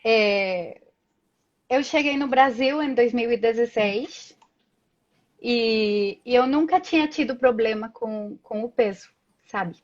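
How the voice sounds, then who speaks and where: A woman's voice: fairly high pitch, slow pace. Chatty woman on a lo-fi call. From Colombia. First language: Spanish. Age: 30s. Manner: chatty, storytelling with many tag questions. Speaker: guest. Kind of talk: casual chat in a live video call. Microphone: video call.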